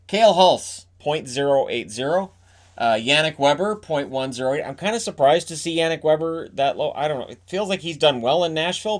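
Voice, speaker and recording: Chatty hockey host man. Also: mid-range voice. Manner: chatty, restarts and trails off at phrase ends. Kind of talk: casual talk to camera.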